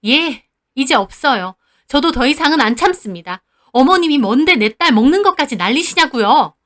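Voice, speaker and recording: A woman's voice: high-pitched, lively intonation, moderate pace. Woman playing a fed-up, confrontational mother. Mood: defiant. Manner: sharp, confrontational, raised voice. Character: fed-up middle-aged mother defending her daughter.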